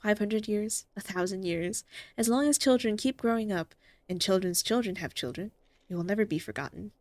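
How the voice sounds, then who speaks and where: A woman voicing a calm, kindly female doctor from a video game. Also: mid-range voice, moderate pace, no room sound, close to an everyday voice. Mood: warm, sincere. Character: calm, kindly female doctor who likes fairy tales.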